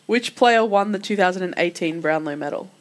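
A woman's voice: on the low side, a little fast. A woman co-hosting a casual sports quiz podcast, upbeat and bluntly playful. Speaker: podcast co-host.

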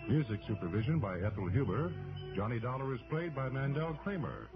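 A man's voice: mid-range voice, big pitch swings, fairly quick. A male radio announcer reading scripted show credits in the formal style of 1960s broadcasting. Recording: dull old broadcast with music behind.

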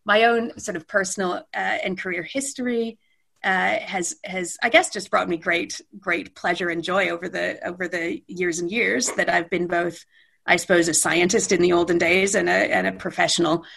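A middle-aged woman from Western Canada speaks unscripted as an interview guest. Her voice is fairly low, gravelly and fairly bright, with a steady tone at normal speed. She thinks aloud, meanders, and corrects herself a lot.

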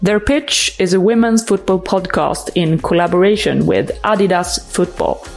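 Lower-voiced woman hosting a podcast. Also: normal speed, vocal fry, a little mellow, soft background music. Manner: hesitant, many fillers and restarts. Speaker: podcast host. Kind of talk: casual podcast chat.

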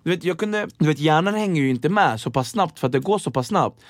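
A young man telling lively stories in casual chat, acting out the people in them. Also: a little high, no echo, clean studio sound. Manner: animated, acts out voices in his anecdotes. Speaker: guest.

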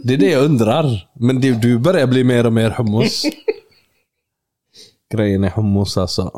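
A man's voice: medium pitch, darkish tone. A young man co-hosting a casual chat, laughing often and telling stories with mimicked quotes in slangy talk. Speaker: podcast co-host. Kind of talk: casual banter between friends.

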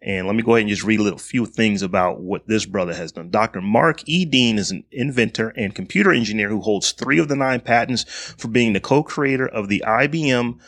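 A man's voice: lowish voice, brisk, hardly any pauses, a bit bright, no echo. A middle-aged man hosting a casual podcast. He reads a spotlight segment from his notes and breaks off into slangy, joking asides. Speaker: podcast host.

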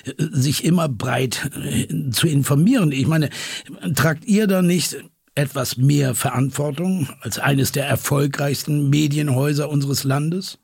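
An actor playing a podcast host who asks probing, slightly hesitant questions in an audio drama. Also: male voice, a little high, measured pace, creaky, darkish tone, slightly rough, no echo, clean studio sound, heavily acted.

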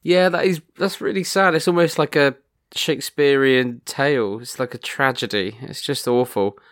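A man co-hosting a podcast in casual chat, wry and quick to exclaim, often stammering as he restarts. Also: mid-range voice, fairly bright tone, dry recording, studio quality. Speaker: podcast co-host.

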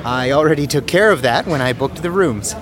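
An actor playing an eager, affectionate grown son, a little flustered. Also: male voice, medium pitch, animated, a little fast, a crowd in the background, natural voice. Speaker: son and husband.

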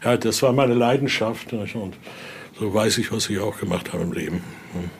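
Guiding people casually through a Voodoo altar exhibition he collected, a man tells stories and keeps tacking little questions onto the ends of his sentences. He speaks at a moderate pace in a fairly low voice with vocal fry, against slight background noise.

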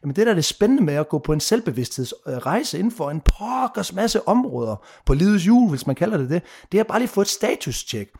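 A man's voice: sits high, very animated, creaky, hardly any pauses, a little mellow, breathy edge. A man in his thirties talking passionately in a casual podcast conversation, emphatic, swearing freely and dropping English phrases. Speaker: mentor and guest.

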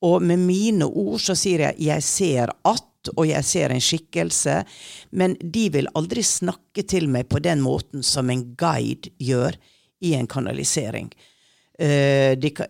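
Gravelly middle-aged woman, calm storyteller. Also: deep voice, no room sound, clean studio sound. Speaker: guest channeler. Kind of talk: reflective personal storytelling in interview.

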